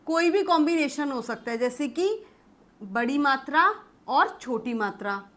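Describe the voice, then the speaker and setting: List: high-pitched woman, young adult, literature teacher, patient lecture, slow read-aloud definitions. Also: expressive. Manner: explains patiently, calls students "beta", slow English read-outs. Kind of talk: bilingual classroom-style lecture.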